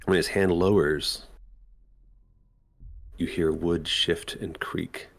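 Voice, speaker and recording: A man's voice: low-pitched, fairly even intonation, slow pace, gravelly. A man narrating as dungeon master in a tabletop game, talking in a hesitant way with many ums and frequent laughs.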